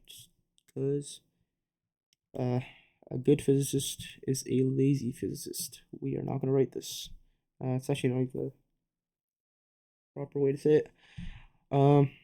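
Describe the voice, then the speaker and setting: A young man giving a casual physics lesson at a board, relaxed, with joking asides and quick self-corrections. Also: mid-range voice, vocal fry. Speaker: physics tutor.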